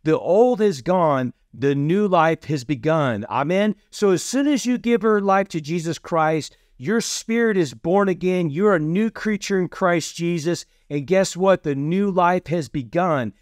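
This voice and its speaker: This high-pitched, animated man speaks unhurriedly with hardly any pauses as he hosts a casual teaching sermon. A preacher running a teaching series, he repeatedly asks "Amen?" and opens his points with "So see." The recording is dry and studio quality.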